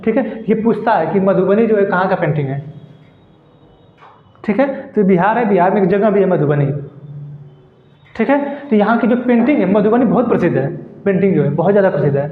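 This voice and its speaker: A man's voice: high-pitched, fairly quick. A man teaching a geography lesson in a classroom, explaining patiently and constantly checking that students follow. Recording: echoey room, tinny phone-like sound.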